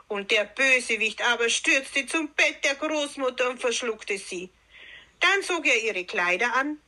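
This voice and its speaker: Lady reading a fairy tale aloud, calm and unhurried, a bit high. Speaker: storyteller.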